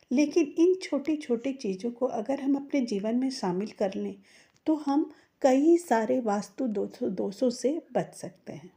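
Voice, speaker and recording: A middle-aged woman, hosting her own channel and giving measured, persuasive advice straight to her viewers, whom she calls friends. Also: fairly high pitch, dark tone. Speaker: channel host. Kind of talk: slow earnest advice to viewers.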